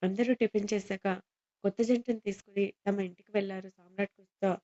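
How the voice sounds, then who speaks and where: A woman narrating a romantic audiobook story in a steady, gentle reading style, on dull lo-fi audio. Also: mid-range voice, brisk.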